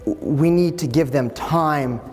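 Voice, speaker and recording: A man, an educator answering interview questions and telling stories in an earnest, husky voice that often repeats words as he gets going. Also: fairly high pitch, measured pace, darkish tone, soft background music. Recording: reverberant room.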